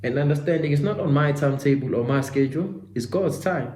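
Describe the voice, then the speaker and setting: This faith-based motivational monologue comes from a twenty-something self-development vlogger whose fairly high, slightly mellow voice moves a little fast. He preaches, repeats phrases, and keeps addressing himself and the listener as "my guy," all in a roomy-sounding space.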